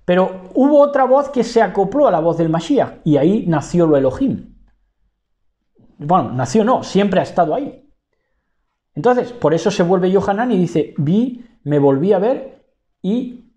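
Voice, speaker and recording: Male preacher, bible teaching sermon; mellow timbre, rhetorical questions, repeats and rephrases his words. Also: high-pitched, dull audio. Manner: asks rhetorical questions and answers them himself.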